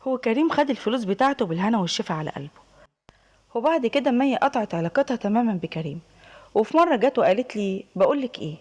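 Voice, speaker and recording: Egyptian woman telling her own story, confiding, super lively pitch, quick. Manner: confiding, emphatic. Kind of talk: first-person storytelling narration.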